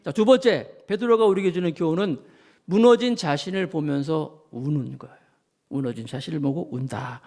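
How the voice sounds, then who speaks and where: Give me a man preaching a sermon with a high, gravelly voice, telling the story vividly. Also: normal speed. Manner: animated storytelling, acts out voices and sounds; addresses congregation directly. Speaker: pastor.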